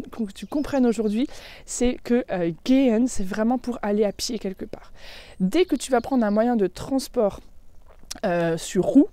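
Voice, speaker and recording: A woman from France with a French accent, giving a casual online German lesson, chatting freely and slowing right down to model German phrases. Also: mid-range voice, dark tone, dry recording. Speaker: German language teacher.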